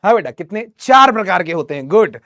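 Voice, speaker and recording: A man's voice: high voice, very animated, a little fast, pushed and bright, no room sound, studio quality. A young man teaching math live online, teasing students and reading their chat messages.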